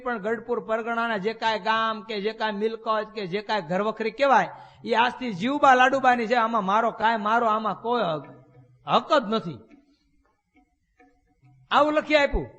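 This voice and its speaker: A man's voice: extremely high pitch, fairly bright tone. A man, a swami preaching in a temple hall, telling folksy stories full of rhetorical questions. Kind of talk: storytelling sermon. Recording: long hall reverb.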